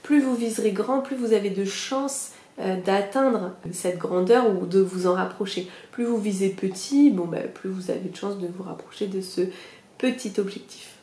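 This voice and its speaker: A woman's voice: medium pitch, normal speed, mellow. Chatty young woman coaching in a roomy space. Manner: chatty, many fillers, self-mocking laughs; addresses listeners directly, reassuring. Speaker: podcast host teaching goal-setting. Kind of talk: casual spoken lesson.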